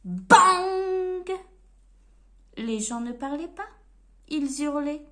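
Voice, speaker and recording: A woman reading a storybook aloud to children in an expressive, playful way. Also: sits high, takes it slowly.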